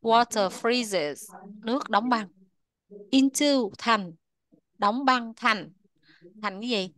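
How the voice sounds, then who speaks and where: This is a woman teaching English to young learners in a classroom. She works through a lesson step by step, drawing each word out slowly and repeating it for the class to echo. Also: fairly high pitch, sharp tone.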